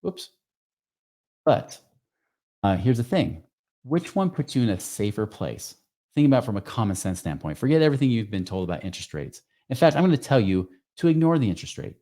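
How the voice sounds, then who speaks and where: A man giving a casual, energetic money-coaching talk, emphatic and full of rhetorical questions. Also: mid-range voice, brisk. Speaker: financial coach. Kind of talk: casual teaching talk to camera.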